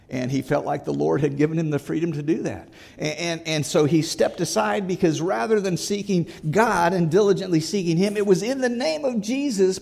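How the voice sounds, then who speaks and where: A man's voice: fairly high pitch, creaky, darkish tone. A male pastor preaching a sermon, earnest and emphatic, repeating his exhortations.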